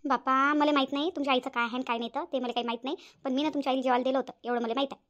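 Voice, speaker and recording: A woman's voice: sits high, steady tone, very fast, fairly bright tone, lo-fi sound, pitched below the performer's own voice. A woman voicing an indignant young daughter-in-law in a cartoon, with a Vidarbha Marathi accent. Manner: indignant, defensive. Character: young daughter-in-law, defensive and sharp-tongued. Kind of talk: cartoon voice acting.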